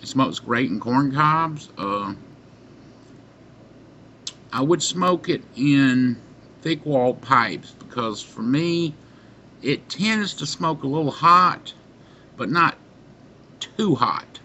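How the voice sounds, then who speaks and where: A middle-aged man chatting casually to camera as a reviewer, halting and pausing often, recorded on a webcam mic in a small room. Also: medium pitch, lively intonation, bright, forceful tone. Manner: halting, unhurried delivery with long pauses. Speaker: pipe tobacco reviewer. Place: small dim room indoors. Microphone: webcam or computer mic at arm's length. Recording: muffled webcam sound with background noise.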